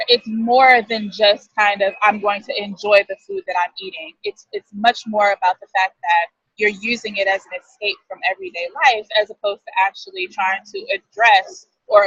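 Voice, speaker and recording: A woman's voice: medium pitch, steady tone, moderate pace, a bit bright, no room sound, muffled recording. A woman in her thirties talking as an interview guest, chatty and thoughtful, often correcting herself mid-sentence. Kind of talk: casual interview talk.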